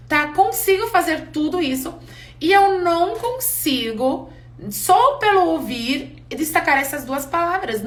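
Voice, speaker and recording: Candid woman teacher, high voice, non-native Portuguese speaker, chatty live class. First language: not Portuguese. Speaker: English teacher.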